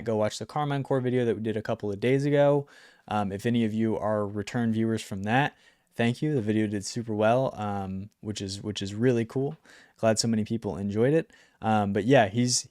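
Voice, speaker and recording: A young man with a smooth, fairly low voice talks off the cuff, filling pauses with ums and likes as he ranks players. The sound is close and dry, with no room around it. His tone is loose and conversational, as if he were chatting to viewers from his desk. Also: no echo. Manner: relaxed, rambling, frequent ums and likes. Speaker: esports commentator ranking players. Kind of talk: casual talking-head video.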